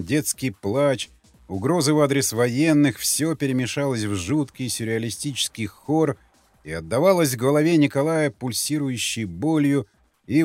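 A man reading an audiobook in a measured, somber narration. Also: mid-range voice, darkish tone. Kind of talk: scripted narration.

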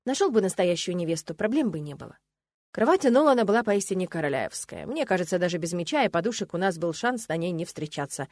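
A woman reading a fantasy novel aloud in the first person, telling it in an expressive, wry way with lively swings in pitch. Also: quick pace, no echo. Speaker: audiobook narrator.

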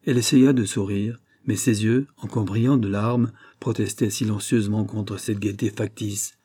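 A man narrating a nineteenth-century romance as an audiobook, measured and expressive. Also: on the low side, breathy edge. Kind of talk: literary audiobook reading.

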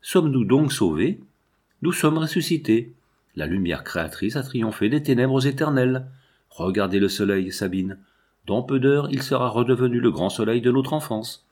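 A man's voice: medium pitch, lively intonation, moderate pace, darkish tone, breathy edge. A man doing an earnest young scientist. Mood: hopeful.

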